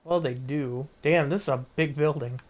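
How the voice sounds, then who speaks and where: A man's voice: on the high side, normal speed, darkish tone. Chatty, joking man playing a game. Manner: chatty, joking, swears casually. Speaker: let's play gamer. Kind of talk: casual gameplay commentary.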